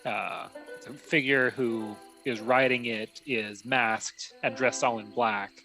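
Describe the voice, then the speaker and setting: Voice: mid-range voice, slow, bright, forceful tone, soft background music, poor audio. A player in a tabletop game sharing a rumor in short, matter-of-fact remarks. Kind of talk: casual tabletop game chat.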